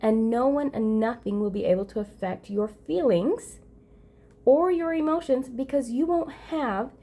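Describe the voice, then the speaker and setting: A woman's voice: on the high side, a little slow, mellow. Earnest woman giving a self-help talk. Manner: earnest, emphatic, repeats phrases and restarts. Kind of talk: motivational monologue to camera.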